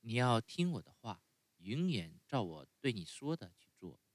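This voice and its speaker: A man voicing a gentle, motherly fairy woman in a calm, soft way of speaking. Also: mid-range voice, moderate pace, no echo, natural voice.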